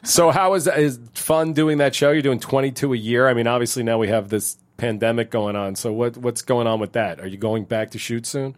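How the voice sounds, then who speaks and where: A man's voice: medium pitch, fairly even intonation, fairly quick, few pauses. A middle-aged man co-hosting a podcast, talking in a rambling, hesitant way with frequent restarts. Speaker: show creator and podcast co-host. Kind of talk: casual podcast chat.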